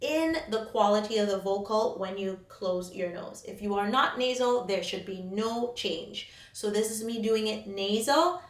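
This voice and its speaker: A woman vocal coach explaining singing warm-ups step by step, patient and instructive. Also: mid-range voice, measured pace, hardly any pauses. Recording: roomy sound, mic at a distance. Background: faint piano.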